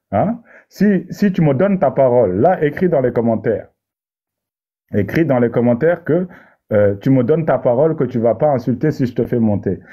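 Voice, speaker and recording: A man holds forth in a heated online debate, preachy and sarcastic, tripping over and restarting his phrases. His voice sits at a mid pitch, and the audio is dull and lo-fi. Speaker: debater in an online discussion panel. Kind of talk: heated argumentative monologue.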